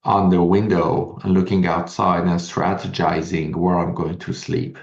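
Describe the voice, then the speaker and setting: A middle-aged man from Iran, a guest entrepreneur telling his story in an interview in earnest, fast bursts with restarts. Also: low-pitched, level tone, creaky. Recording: echoey, dull lo-fi sound.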